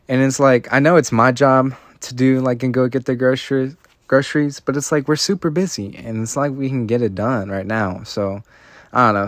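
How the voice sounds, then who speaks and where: A man's voice: medium pitch, dry recording, studio quality. A young man ranting casually while playing a video game, rambling and frustrated, with lots of filler words. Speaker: vlogger. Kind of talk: casual rant while gaming.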